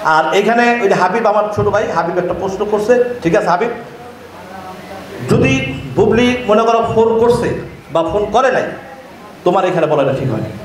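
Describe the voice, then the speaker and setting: A man's voice: sits high, lively intonation, moderate pace, pauses often. A man with a Bangladeshi Bengali accent gives a heated, combative speech to reporters at an event, jeering at critics with repeated rhetorical questions. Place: event hall with crowd and reporters. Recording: very echoey hall.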